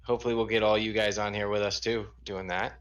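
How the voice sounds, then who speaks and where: A man's voice: lowish voice, little pitch movement, quick pace, fairly bright tone, highs cut off. A man joining a casual gaming podcast as a guest, making dry, wry remarks.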